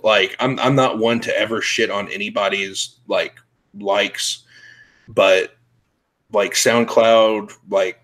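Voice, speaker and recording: A man's voice: fairly low pitch, fairly even intonation, takes it slowly, fairly bright tone, rough recording. A young man hosting a show, chatting casually with blunt, profane, laughing talk. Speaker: podcast host. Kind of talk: casual chat.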